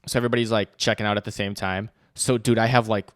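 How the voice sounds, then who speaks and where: A young man co-hosting a podcast, telling animated anecdotes and mimicking people in higher voices. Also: quick pace, dry recording, studio quality. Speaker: podcast co-host. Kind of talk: casual chat, storytelling.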